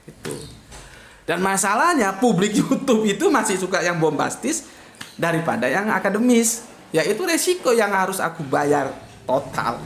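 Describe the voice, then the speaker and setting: Guy doing a chill religious livestream, reads chat out loud, jokes a lot, kinda echoey room. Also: on the high side, slight background noise. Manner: joking, chuckles often, teasing asides. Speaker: online religious talk host. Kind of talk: casual livestream talk, reading viewer comments.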